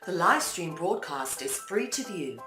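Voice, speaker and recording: A woman reading a scripted network announcement in a smooth, polished way. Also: lowish voice, very animated, measured pace, roomy sound, music in the background.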